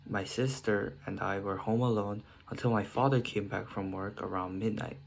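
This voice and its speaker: A man's voice: on the low side, slight background noise. A teenage boy from South Korea reading a prepared essay aloud in short phrases, with small slips and restarts. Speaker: student.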